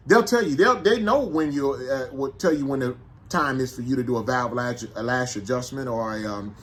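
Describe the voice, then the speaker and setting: A man with a St. in a casual, animated monologue, making his points with repeated rhetorical questions. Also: on the high side, slight background noise. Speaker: vlogger.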